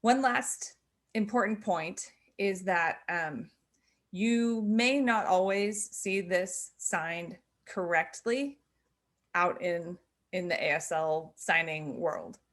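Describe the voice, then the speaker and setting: A woman's voice: lowish voice, takes it slowly. A middle-aged woman teaching a lesson, explaining patiently with fillers and self-corrections. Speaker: sign language teacher. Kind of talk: instructional explanation.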